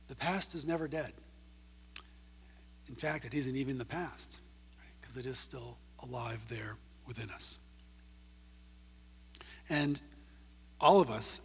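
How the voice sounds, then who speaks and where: A man's voice: medium pitch, fairly bright tone, husky. A man giving a conversational talk as a counselor, telling a story and tagging his points with "right?". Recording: long reverb of a church hall.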